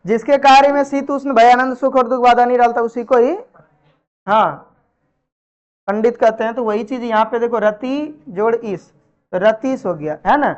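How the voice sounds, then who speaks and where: A woman teaching Sanskrit grammar in a classroom, firing repeated questions at her pupils and gently scolding them. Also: a little high, moderate pace, lo-fi sound. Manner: drills students with repeated questions and answers; chiding, familiar address to pupils. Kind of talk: live classroom teaching in Hindi. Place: classroom with students.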